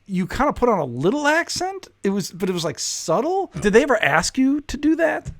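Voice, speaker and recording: A man's voice: very high voice, big pitch swings, fairly quick, no echo, clean studio sound. A man hosting a podcast, chatting casually and enthusiastically with his guest. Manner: enthusiastic and chatty, says "dude". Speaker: podcast host. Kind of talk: casual interview chat.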